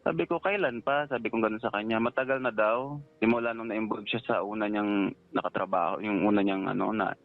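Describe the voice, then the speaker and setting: A man in his thirties, a security guard calling in to an advice show, retelling his story in a rambling, halting way with many fillers. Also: fairly low pitch, steady tone. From Philippines. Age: 30s. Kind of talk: phone-in advice call. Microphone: phone. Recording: tinny phone line.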